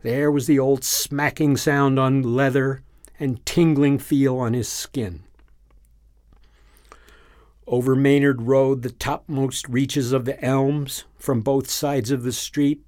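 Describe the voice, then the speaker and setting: A man narrates a story in an even, unhurried reading voice. His pitch sits in the ordinary middle range. The recording is close and dry with no room echo.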